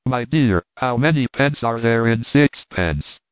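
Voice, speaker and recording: A man voicing a stern, lecturing old male scholar who questions a child, in a measured way and with a tinny, phone-like sound. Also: medium pitch, expressive, no room sound, close to an everyday voice. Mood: dryly correcting.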